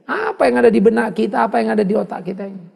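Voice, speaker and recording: A male pastor preaching a sermon in an animated way, with mocking asides and rising exclamations. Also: sits high, very fast, vocal fry, husky. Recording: long hall reverb.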